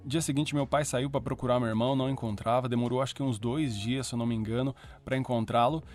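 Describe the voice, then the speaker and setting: A man's voice: medium pitch, fairly even intonation, fast, darkish tone, faint music behind. A man with a Brazilian Portuguese accent, a podcast host giving a personal religious testimony in an earnest, reflective storytelling manner.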